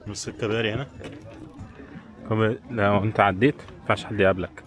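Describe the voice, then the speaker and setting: This travel vlogger, a man with an Egyptian Arabic accent, keeps up a casual walking-tour commentary while wandering a tourist village and its shops. His voice is fairly low with fairly even intonation, and he talks fast over the noise of a busy crowd and street.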